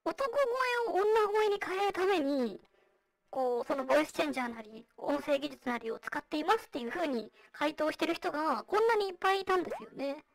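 A presenter speaks in a high feminine voice run through a voice changer, with a synthetic, vocoder-like girlish tone. The delivery is quick and very animated, explaining slides conversationally. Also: vocal fry, distant mic, poor audio. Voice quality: high, girlish, electronically processed. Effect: voice changer, processed into a high feminine voice. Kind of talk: presenting survey results with slides. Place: online virtual-reality venue.

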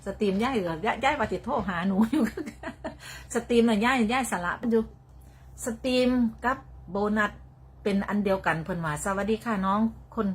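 A woman's voice: on the high side, moderate pace, slightly rough. An older woman with a Northeastern Thai Isan accent, hosting a casual livestream on her phone, chatting in a rambling way, repeating words and laughing often. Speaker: livestream host.

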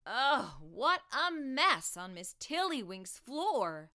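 With a lapel mic clipped on, a middle-aged woman hosts storytime for children, reading in a bright, clear-cut, fairly high voice that is very lively. Her pace is slow, and she reads expressively, shaping phrases with young listeners in mind.

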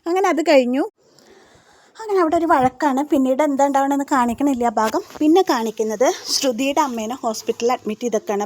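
A woman retells a TV serial episode in a rapid, chatty voice. She speaks fairly high and very fast. Her delivery stays casual and storytelling throughout. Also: a little mellow, no echo. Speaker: serial recap narrator.

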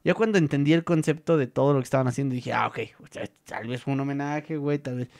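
A man's voice: medium pitch, fast talker. A young man with a Mexican accent, hosting a casual chat and telling stories in a joking, slangy way. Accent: Mexican Spanish. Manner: slangy, joking, animated storytelling. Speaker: vlog host.

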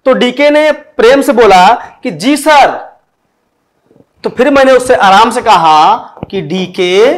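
A man's voice: very high-pitched, fairly bright tone. Male teacher, exam-prep lesson, storytelling mnemonics, keeps quizzing the class. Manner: explains with rhetorical questions.

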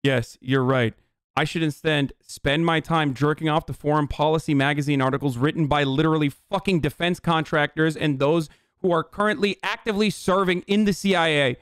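A man in his thirties from Turkey, ranting bluntly and profanely as a political streamer in a heated livestream commentary, at home on a boom-arm studio mic. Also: fairly even intonation, fairly quick, a bit bright, clean tone, no echo. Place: home room, indoors.

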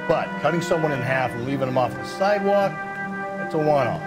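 A man's voice: a little high, lively intonation, a little fast, lightly acted. Man as a surly veteran American homicide cop. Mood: jaded, surly. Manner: curt, dismissive. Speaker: homicide detective. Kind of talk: scripted video game dialogue. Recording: loud music underneath.

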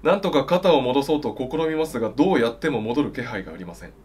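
A man's voice: mid-range voice, lively intonation, fast, darkish tone, slightly rough. A young man reading scripted mock news as a newscaster in a formal, straight-faced way. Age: young adult. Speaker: comedy newscaster.

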